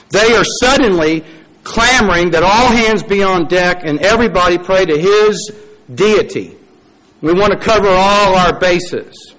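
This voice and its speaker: A man preaching a sermon, telling a story with dramatic pauses, acted quotes and wry, folksy asides. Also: high voice, fairly bright tone, poor audio.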